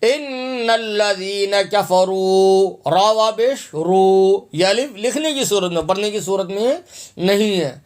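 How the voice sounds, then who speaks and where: Male tajweed teacher with a high voice. He breaks words into letters and vowels, then repeats them slowly with long drawn-out syllables. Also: animated, a little mellow. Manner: asks and answers his own questions; stretches syllables long when demonstrating. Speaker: Quran recitation teacher. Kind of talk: tajweed lesson with slow drawn-out recitation.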